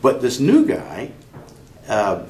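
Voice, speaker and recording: An older man, a guest in an interview, telling stories in a halting way with many restarts. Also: mid-range voice, wildly swooping pitch, a little mellow, reverberant, a little hiss or hum. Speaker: interview guest, chapter member. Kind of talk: conversational storytelling.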